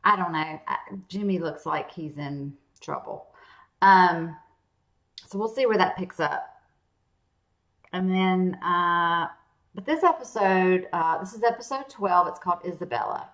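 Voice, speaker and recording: Gravelly Southern American mom. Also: female voice, lowish voice, measured pace, fairly bright tone. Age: middle-aged. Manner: chatty and joking, with frequent laughs. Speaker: reaction video host. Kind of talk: casual chat.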